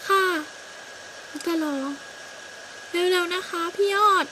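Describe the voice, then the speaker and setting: A woman's voice: extremely high pitch, flat delivery, takes it slowly, bright, forceful tone, slight background noise, heavily acted, rough recording. A girl voicing a sweet little myna bird. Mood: pleading. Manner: polite pleading.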